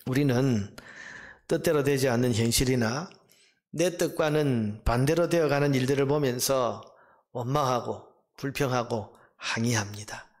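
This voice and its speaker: A male pastor preaching a sermon, acting out complaints to God in a raised voice and dropping low for God's answer. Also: measured pace, darkish tone. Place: church sanctuary.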